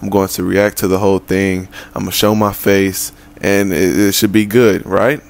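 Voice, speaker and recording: A man's voice: sits low, level tone, moderate pace, gravelly. A man hosting a commentary channel, talking loosely with joking, rambling asides. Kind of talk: casual commentary.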